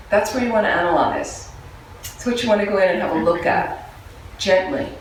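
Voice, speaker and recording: A woman's voice: fairly low pitch, far from the mic, slight background noise. A woman giving a Buddhist dharma talk to a group. She speaks conversationally and with humour, often putting questions to her listeners. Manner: conversational, humorous, asks the audience questions. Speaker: Buddhist nun and teacher. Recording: echoey room, voice from away from the mic, faint background ambience.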